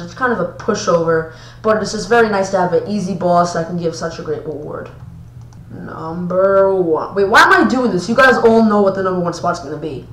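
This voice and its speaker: A woman's voice: on the low side, reverberant, rough recording. A woman hosting a casual gaming list video, rambling and often stumbling over her words. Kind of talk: casual ranked-list commentary.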